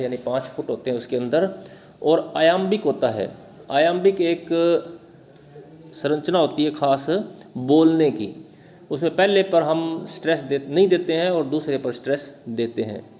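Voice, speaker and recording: A male teacher with an Indian accent gives a classroom lecture on literature. He reads English definitions at an unhurried crawl and then explains in his own words, often quizzing his students. His voice sits fairly high for a man. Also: a little mellow.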